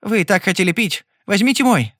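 A cocky young gambler with a smooth, mocking tongue, as a male narrator plays him. His voice sits a touch high for a man and sounds dry and close. He stays cool and sarcastic under threat in this storybook Western. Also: lively intonation, moderate pace, a bit bright, no echo.

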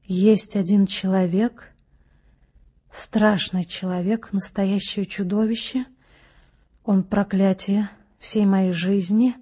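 Audiobook: a mysterious young lady voiced by the female reader, husky, slow and hushed. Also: medium pitch. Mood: hushed, pleading. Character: mysterious young woman, low, chesty, slow.

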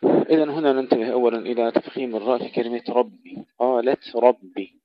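A man teaching Quran recitation, chanting verses slowly and then explaining pronunciation rules in quick plain speech. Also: medium pitch, fairly even intonation, dry recording, highs cut off.

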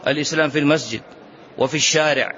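A man's voice: a little high, fairly even intonation, rapid-fire, fairly bright tone. A man delivering a religious lesson as a lecturer, speaking emphatically, asking rhetorical questions and repeating key phrases. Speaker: Islamic lecturer. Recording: dull lo-fi lecture recording.

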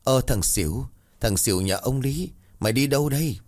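A man's voice: medium pitch, animated, normal speed, a little mellow, voice pushed up, natural voice. Guy playing a cranky old ghost-catcher, cursing, voice jumps all over. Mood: urgent. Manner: scolding, curses a lot. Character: gruff old male exorcist teacher, hot-tempered.

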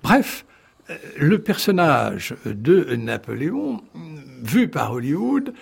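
A man speaking as a historian guest in a radio studio interview, telling his story in an animated way with wry asides and frequent restarts. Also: on the high side, slow, vocal fry, husky. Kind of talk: radio interview, explaining at length.

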